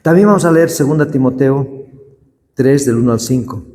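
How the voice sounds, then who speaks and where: Male pastor, warm low-bright tone, unhurried sermon reading, long reverb of a church hall. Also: a little hiss or hum. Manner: slow, deliberate scripture reading.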